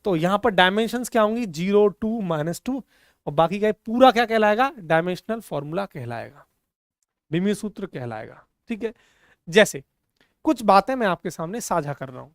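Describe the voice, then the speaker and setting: A man's voice: sits high, sing-song, moderate pace, dry recording, clean studio sound. A male physics teacher giving a board lecture, mixing English terms into Hindi and often asking the class if they follow. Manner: repeats questions to the class and answers them himself; mixes English terms with Hindi, frequently checks understanding.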